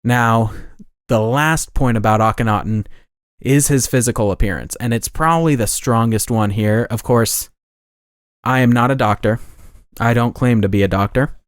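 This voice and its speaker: Male podcast host, mid-pitched, rambling and self-correcting, dry close mic. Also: moderate pace, clear, resonant tone, no room sound. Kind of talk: casual podcast monologue.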